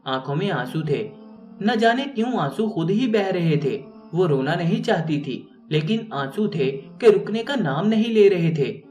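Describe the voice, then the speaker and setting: A man's voice: sits high, expressive, measured pace, a little mellow. A man narrating a moral story in an earnest, moralizing way. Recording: roomy, distant mic, faint music.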